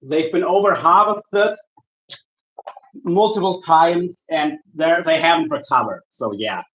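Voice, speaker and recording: A man from Germany, a shark angler chatting casually with viewers while he works, easygoing and halting, often restarting his sentences. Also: a little high, muffled recording. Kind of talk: casual livestream chat while working.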